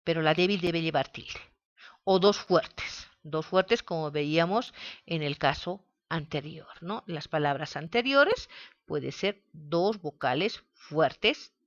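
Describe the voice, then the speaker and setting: A woman teaching a grammar lesson, speaking slowly and spelling words out syllable by syllable. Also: sits low, lively intonation, no room sound, dull audio. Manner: slow, deliberate, spells out syllables.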